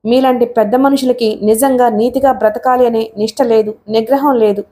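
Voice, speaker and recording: A woman's voice: a little high, mellow, close to an everyday voice. Woman voicing an enraged young man. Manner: accusing, impassioned tirade. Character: tall young man, bitter and furious.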